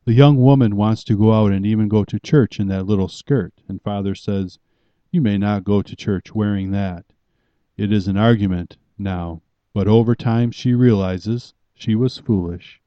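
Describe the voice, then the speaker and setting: A man with a low voice preaches a sermon with firm, emphatic commands. His delivery is deliberate and pastoral. The recording is dry and somewhat muffled. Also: fairly even intonation, no echo.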